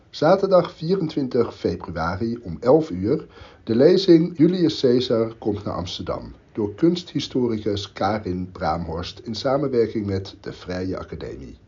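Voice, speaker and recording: A man hosting a podcast, reading out upcoming museum events over suddenly low-quality, distant-sounding audio. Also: dark tone, breathy edge, dull audio. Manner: reads out a list of dates and events. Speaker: podcast host.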